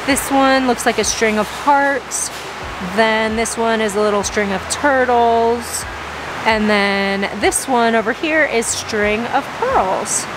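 A woman's voice: on the high side, slow pace. A young woman vlogging a plant shopping trip in a large greenhouse nursery, gushing over plants and reading the prices aloud. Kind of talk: excited plant-shopping vlog. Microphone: handheld phone camera. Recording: steady background noise.

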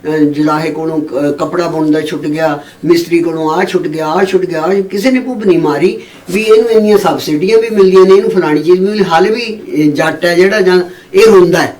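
A woman's voice: lowish voice, fast, darkish tone. Emphatic woman guest, echoey and distant. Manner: emphatic, often adds tag questions. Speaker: author and guest. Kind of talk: conversational interview. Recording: echoey room from far off.

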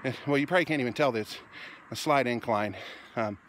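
A man in his forties, out of breath and chatty, vlogging on a phone held at arm's length while walking a dark street at night. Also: medium pitch, fast talker. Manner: tired, winded, chatty. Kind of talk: casual walking vlog. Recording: noisy outdoor phone recording.

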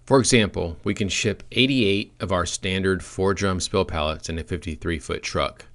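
Male product trainer with a deep voice, reading a script with dry, deadpan humor. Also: normal speed.

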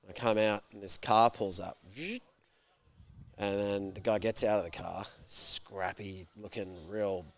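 His voice is on the low side and unhurried. The guest tells a casual, animated story full of free swearing, acting out the people in it with shouted quotes.

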